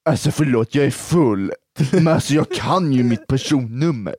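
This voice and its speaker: A young man in casual chat, his pitch swinging widely as he tells a story. He laughs often and swears freely. The sound is dry and close. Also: lively intonation, a little mellow, no room sound.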